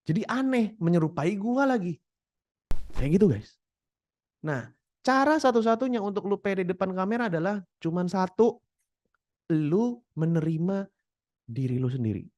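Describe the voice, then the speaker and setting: A young man coaches would-be creators in a loose, slangy way. His pitch sits a little high and swings widely as he acts out examples. The sound is dry and close. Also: dry recording. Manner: animated, demonstrates voices while explaining. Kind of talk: casual slangy tutorial talk.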